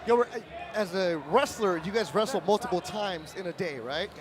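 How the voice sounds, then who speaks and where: Male live sports play-by-play, very high-pitched voice, crowd behind. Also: expressive, moderate pace. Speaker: fight play-by-play announcer.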